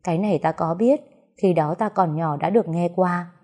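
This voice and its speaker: A woman's voice: on the low side, moderate pace, warm tone, lightly acted. A woman voicing a commanding, ruthless noblewoman of a snake clan, mother of its prince. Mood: knowing.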